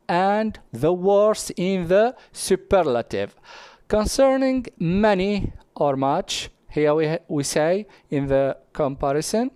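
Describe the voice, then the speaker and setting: A man whose first language is Arabic, teaching an English grammar lesson. He speaks deliberately, repeats each example word and often adds "here". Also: on the high side, darkish tone, no echo, clean studio sound.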